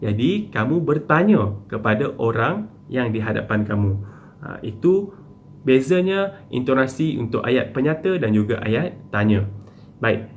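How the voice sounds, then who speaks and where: A man's voice: medium pitch, very animated, a little slow, a little hiss or hum. A man teaching a primary school lesson, explaining step by step with patient repetition. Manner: patient, step-by-step, with frequent "okey" and "ha" fillers.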